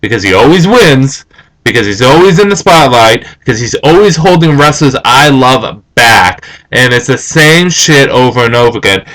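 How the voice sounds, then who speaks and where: A young man vlogging, ranting and telling stories in an animated, opinionated way. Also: medium pitch, normal speed, low-quality recording. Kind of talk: casual opinion rant.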